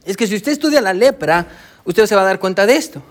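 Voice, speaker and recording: A man's voice: sits high, animated, fast talker. A male pastor preaching a sermon, with a preacher's cadence and frequent "amén" and "hermano" asides. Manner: code-switches with English "so".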